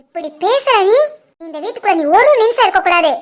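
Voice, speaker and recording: A woman voicing a proud, scolding middle-aged mother-in-law in an animated family story, with a Tirunelveli Tamil accent. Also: a little fast. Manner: shrill, scolding.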